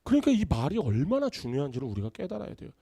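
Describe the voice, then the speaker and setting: A man's voice: a little high, wildly swooping pitch, racing, warm tone, slightly rough, no echo, studio quality. A pastor preaching a Sunday sermon, telling stories and acting out his friends' voices.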